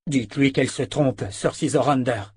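Brief: narrator as a protesting young prince, indignant, raised, husky. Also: male voice, medium pitch, fairly even intonation, normal speed, a little mellow, dry recording, pitched above the performer's own voice. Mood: pleading.

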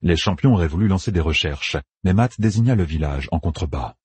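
A man narrating a fantasy audiobook with expressive storytelling. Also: low voice, brisk, husky, no room sound. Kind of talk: scripted narration.

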